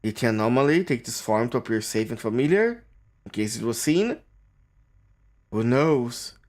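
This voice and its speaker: Lively-voiced man reading game text. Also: medium pitch. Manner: reads haltingly, stumbles and restarts on words. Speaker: streamer.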